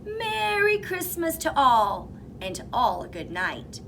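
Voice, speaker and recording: A woman voicing a jolly, hearty Santa Claus, pitching up and getting louder, over clear background noise. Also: sing-song, slow, exaggerated voice. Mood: booming. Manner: hearty, laughing, higher and louder than her narration. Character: jolly booming male Santa Claus, big and cheerful.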